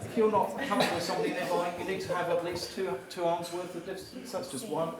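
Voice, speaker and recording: Energetic man addressing a loud crowd. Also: high-pitched, fast talker. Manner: energetic, instructing the crowd, rising to loud calls. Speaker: speaker at a live talk event. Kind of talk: short live presentation with audience exercises. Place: event venue with a live audience. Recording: echoey hall, far from the mic, crowd noise.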